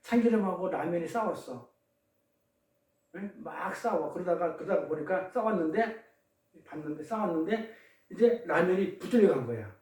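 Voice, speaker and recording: A pastor preaching a sermon in a church service, questioning the congregation and trading answers, with pun riddles along the way. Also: male voice, high voice, animated, moderate pace, darkish tone. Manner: questions the congregation, call-and-response. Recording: echoey room, distant mic.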